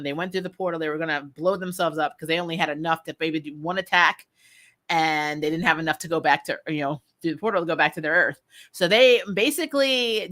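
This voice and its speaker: A woman hosting a show gives casual, opinionated commentary in a low voice. She is chatty and animated, with blunt, slangy phrasing.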